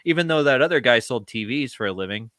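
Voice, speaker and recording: A man's voice: medium pitch, lively intonation, quick pace, a bit bright, no room sound. A man co-hosting a film podcast, wry and sarcastic, often acting out mocking bits of dialogue. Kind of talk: casual film review chat.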